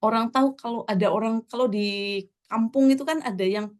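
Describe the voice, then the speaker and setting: A woman's voice: a little high, a little fast. A woman from Java giving her testimony in an interview, telling her story with frequent laughter and slipping into English now and then. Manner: animated storyteller, laughs often, mixes in English.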